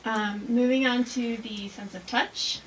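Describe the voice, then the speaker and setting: A woman poet giving an informal reading and talk about haiku, slow and deliberate when she recites verse. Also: fairly high pitch, steady tone, distant mic. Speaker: haiku poet presenting her work. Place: live reading before a small audience. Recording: noisy room with clear background noise.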